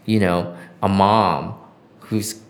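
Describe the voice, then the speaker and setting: Speaking extremely slowly, this former journalist from Southern California has a low voice and a steady tone. He's a middle-aged American guest in an interview, recounting stories in a reflective, conversational manner and frequently hunting for the right word.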